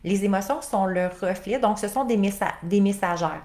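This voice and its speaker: A woman's voice: medium pitch, moderate pace, a little mellow. A woman life coach with a Québécois accent, giving a conversational live talk full of fillers and rhetorical questions. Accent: Québécois French. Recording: roomy echo.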